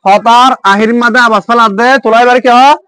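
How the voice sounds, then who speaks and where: High-voiced man teaching English intonation. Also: steady tone, fast, pushed and bright, clear, resonant tone. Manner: mixes English phrases with regional Bengali, drills students in call-and-response. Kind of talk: classroom lesson.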